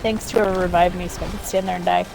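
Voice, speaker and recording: A woman playing a video game live with friends, tossing out dry, wry remarks. Her voice has a gravelly fry, and game music plays under it. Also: lowish voice, steady tone, very fast, low-quality recording. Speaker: gamer streaming with friends. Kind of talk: casual gaming chat.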